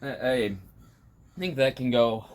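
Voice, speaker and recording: A man's voice: mid-range voice, lively intonation, takes it slowly. A man talking casually to camera like a vlogger, strained and teary, his mouth burning from very spicy food. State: crying, endorphin-giddy from pepper heat. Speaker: challenge host. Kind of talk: casual vlog talk to camera.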